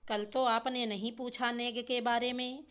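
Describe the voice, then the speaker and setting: A woman's voice: a little high, steady tone, a little slow, a bit bright, clean tone. A woman voicing a young daughter-in-law and new mother, speaking in a pleading, tearful complaint. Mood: aggrieved.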